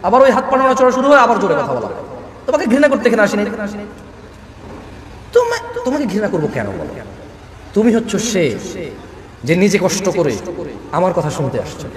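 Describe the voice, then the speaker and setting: A man preaching a sermon at a large religious gathering, restless and loud, scolding the crowd. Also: sits high, very animated, fairly quick, long pauses. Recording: echoey PA sound from far off.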